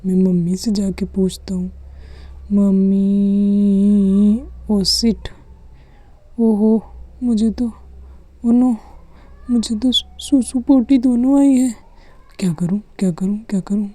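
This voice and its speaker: A woman's voice: medium pitch, level tone, very slow, pauses often, warm tone, no room sound. A woman voicing a mischievous little boy who whines and pleads with his sister and mother. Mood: urgent. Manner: whiny, pleading, wheedling.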